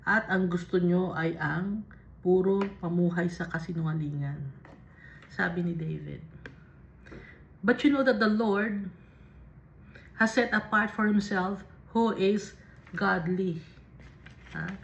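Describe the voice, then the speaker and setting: A woman's voice: fairly low pitch, slow, vocal fry, pauses often, slight background noise. A woman leading a devotional Bible study. She reads verses and explains them, voicing heartfelt sample prayers. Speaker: Bible teacher. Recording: dull lo-fi recording.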